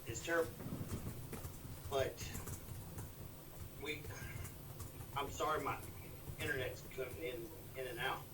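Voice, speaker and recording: A man gives an earnest, halting debate opening statement as a candidate over a video call, his voice cutting in and out on a bad internet connection. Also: mid-range voice. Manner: halting, earnest, plain-spoken. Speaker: congressional candidate. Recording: echoey, distant, noisy call audio.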